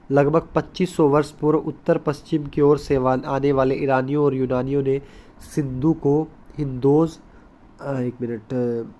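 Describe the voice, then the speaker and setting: A man with a somewhat high-pitched voice gives a recorded school lesson. He explains patiently and step by step, stops often to stress the important points, and slips English terms into his Hindi. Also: a little mellow. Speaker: teacher.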